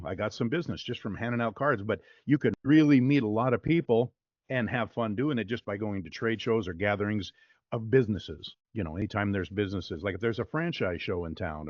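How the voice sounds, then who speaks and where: A male voice-over artist, talking casually as an interview guest, in a relaxed and chatty way with fillers. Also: lowish voice, no room sound, highs cut off.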